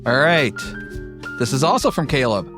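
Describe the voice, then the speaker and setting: A man's voice: medium pitch, sing-song, moderate pace, over music. A man hosting a tabletop game as game master, chatting casually and informally as he reads out submissions.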